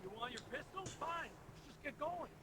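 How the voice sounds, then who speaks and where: A man's voice: extremely high pitch, expressive, a little fast, noisy background. A man playing a rugged, terse outlaw searching for a comrade in a Western video game, speaking urgently. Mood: terse, wary. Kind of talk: video game dramatic acting.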